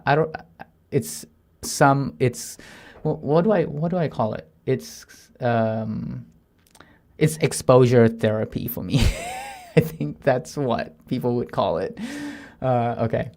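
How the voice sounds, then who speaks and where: Mumbling partly to himself, a software developer from Thailand in his 30s streams as he codes, talking through his reasoning and reading plan text. His voice is middle-pitched; when nervous he trips over words and begins again, and he adds quiet asides while reading.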